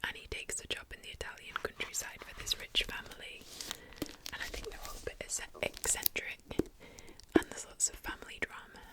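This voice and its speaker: A woman whispering softly into a close mic, chatting about books in a gentle, unhurried way. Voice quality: soft whisper. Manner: slow, gentle, chatty with tapping sounds. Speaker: booktuber. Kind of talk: whispered ASMR book chat.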